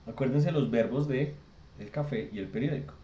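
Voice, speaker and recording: A man's voice: mid-range voice, moderate pace, dark tone, dull audio. Patient man tutoring over an echoey video call. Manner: patient, explains step by step with check questions. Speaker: English tutor. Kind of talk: online class explanation. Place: virtual classroom session.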